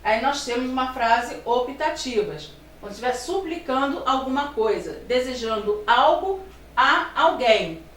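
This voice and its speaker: A woman teaching a grammar lesson. She explains step by step, asks rhetorical questions and slows down to stress her examples. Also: high-pitched, lively intonation, a bit bright. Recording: roomy sound from a distance, faint room noise.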